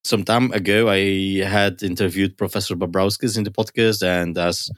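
Low-voiced, enthusiastic curious man hosting science podcast. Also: steady tone, normal speed, no echo, clean studio sound. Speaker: podcast host. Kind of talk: podcast hosting, conversational explaining.

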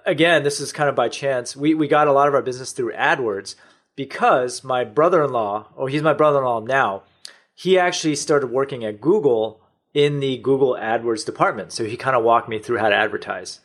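A man's voice: mid-range voice, fairly quick, fairly bright tone. Middle-aged man telling his story plainly. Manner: matter-of-fact storytelling. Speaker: podcast guest, online store owner. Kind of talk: conversational interview.

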